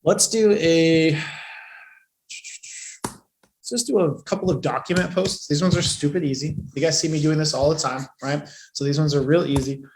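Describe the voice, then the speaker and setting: A man coaching a live training session, profane and emphatic, pushing his voice loud and then dropping it low for effect. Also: fairly even intonation, a little fast, few pauses, a little hiss or hum. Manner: profane, emphatic, shifts between loud and hushed. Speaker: business coach. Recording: echoey room.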